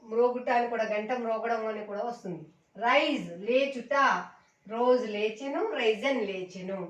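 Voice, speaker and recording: A woman with a fairly high voice leads a vocabulary drill, chanting each word and its meaning in a steady, repetitive pattern. She stands back from the mic, and the room gives her voice a noticeable echo. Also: normal speed, far from the mic. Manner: recites word lists in a repetitive chant, addresses viewers as friends. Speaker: English teacher. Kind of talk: slow drilled vocabulary lesson.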